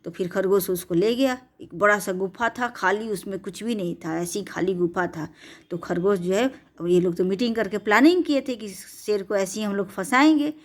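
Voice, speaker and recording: A woman's voice: mid-range voice, moderate pace. Woman telling a chatty bedtime story. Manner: chatty, with restarts and explanatory asides. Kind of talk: casual bedtime story narration.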